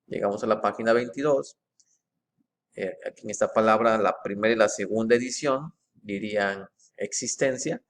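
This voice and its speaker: A man, methodically comparing book editions in an informal walkthrough. He reads passages aloud and pauses often with fillers and restarts. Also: lowish voice.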